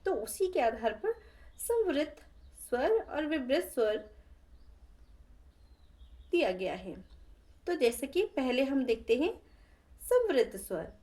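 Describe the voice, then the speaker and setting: A woman teaching a pronunciation lesson in a fairly high, very expressive voice that rises and falls a lot. She speaks slowly and patiently, repeating each vowel sound so learners can copy it. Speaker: Hindi grammar teacher.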